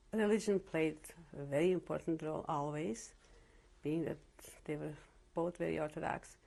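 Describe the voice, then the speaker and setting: A Holocaust survivor in her seventies, originally from Czechoslovakia with Yiddish or Slovak as her first language rather than English, recalls her early life in an oral history interview at home in Cleveland. Her voice is lowish, gravelly and darkish, and she's reflective, often hesitating and restarting.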